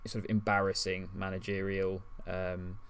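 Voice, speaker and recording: Podcast co-host, man, low-pitched and rambling, chuckling at his own anecdotes. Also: completely flat delivery, normal speed, a little hiss or hum. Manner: rambling, lots of ums, laughs at his own stories. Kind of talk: casual comedic podcast chat.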